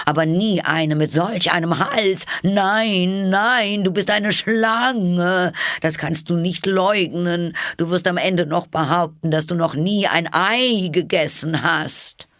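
A reader voicing a scornful, suspicious female pigeon guarding her nest, with slow, drawn-out scolding in a storybook reading. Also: mid-range voice, fairly bright tone, no room sound, clean studio sound, voice pushed up.

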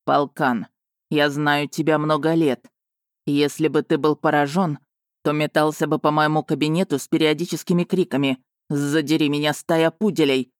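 An audiobook reader voicing a stern, guarded male duke who speaks in a cool, measured way, close to the mic. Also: mid-range voice, flat delivery, no echo, close to an everyday voice. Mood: reproachful. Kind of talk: audiobook character reading.

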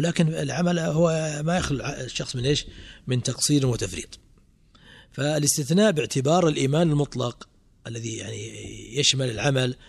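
Man, middle-aged, very fast lecture, quizzing the class with rhetorical questions, mid-pitched voice. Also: slightly rough. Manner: rhetorical questions to students with frequent fillers. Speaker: sheikh teaching a creed commentary. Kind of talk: classroom lecture on a religious text.

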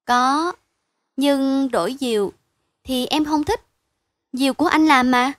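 Wistful little girl in a bedtime story, read by a woman: high, pleading, childlike, dry and close. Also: slow, dry recording. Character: little girl, gentle and wistful younger sister.

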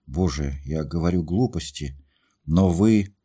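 A man's voice: rumbling low, unhurried, mellow, breathy edge, exaggerated voice. A man reading a story aloud, voicing a hurt young woman who pleads through tears. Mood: bewildered. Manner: impassioned, pleading questions.

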